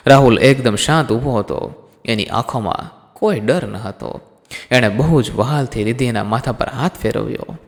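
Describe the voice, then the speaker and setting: A man's voice: medium pitch, normal speed, creaky. A man narrating a scripted emotional story dramatically, calling listeners his friends. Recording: long hall reverb.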